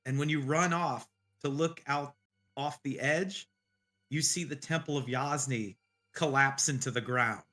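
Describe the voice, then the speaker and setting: Man game master, bright higher voice, slow unhurried delivery, casual narration with music under it. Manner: casual, laughs often while narrating. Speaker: dungeon master.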